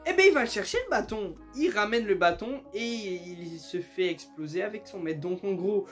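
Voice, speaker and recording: A young man retelling absurd stories in a casual, joking, slangy way, laughing often and breaking into loud squeals of outrage. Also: high voice, animated, moderate pace, soft background music. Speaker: YouTuber. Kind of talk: casual comedic storytelling and reading aloud.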